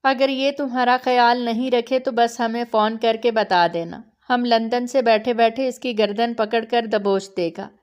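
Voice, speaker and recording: A woman narrator voicing a protective elder brother who speaks softly but firmly to his sister. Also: a little high, fairly even intonation, hardly any pauses, smooth, highs cut off, natural voice. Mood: soothing.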